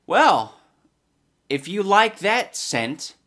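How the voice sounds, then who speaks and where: A man's voice: sits high, very animated, extremely slow, pushed and bright. Sarcastic young man mocking a video. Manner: mocking, crude, shifts into goofy voices. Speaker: comedy video host. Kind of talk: sarcastic commentary.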